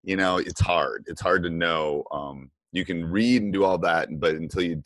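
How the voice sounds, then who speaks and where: A middle-aged man with a very low voice hosts a podcast interview at home. He talks in a loose, chatty way full of ums and restarts. The sound is dry and close, with no room echo. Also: moderate pace, a bit bright. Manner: chatty, with many fillers and restarts. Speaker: podcast host. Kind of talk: casual interview.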